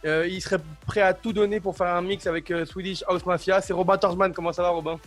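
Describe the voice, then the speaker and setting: A young man with a high voice hosts a radio show at a rapid clip. He teases his guests as he brings them in one by one. Faint music plays under him. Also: level tone, a bit bright. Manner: teasing, joking, quick introductions. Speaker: host.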